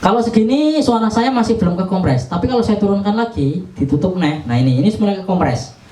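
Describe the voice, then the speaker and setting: Pressing buttons as he goes, a man casually explains a mixer one step at a time in his role as an audio gear seller. He speaks in a high, slightly mellow voice, and the distant mic makes the room audible.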